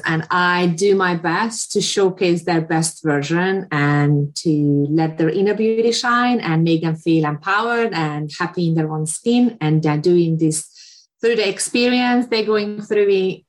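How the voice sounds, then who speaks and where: Woman from hungary, lowish voice, hesitant, keeps restarting as a guest. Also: a little slow. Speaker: guest photographer. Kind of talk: interview answers.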